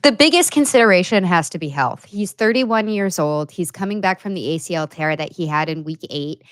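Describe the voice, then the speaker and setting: A woman co-hosting a casual sports podcast, measured and analytical as she talks things through. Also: lowish voice, lively intonation, no room sound. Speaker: podcast co-host and writer.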